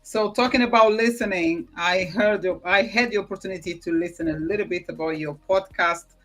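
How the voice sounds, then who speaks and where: A woman hosting a podcast interview, friendly and giggly with halting phrasing. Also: lowish voice, fairly bright tone, faint music behind. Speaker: podcast host. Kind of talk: casual interview chat.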